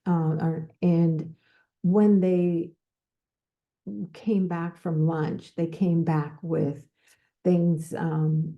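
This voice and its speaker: A woman hosting a podcast, giving advice in an unscripted talk, speaking slowly with pauses and repeated words. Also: low-pitched, warm tone. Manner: slow, repetitive, with pauses and restarts. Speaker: podcast host.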